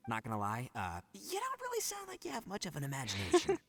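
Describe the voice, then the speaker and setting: A man's voice: fairly high pitch, wildly swooping pitch, quick pace, fairly bright tone, exaggerated voice. A man voicing a brash, loyal, big-hearted young gang boss in a video game. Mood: teasing.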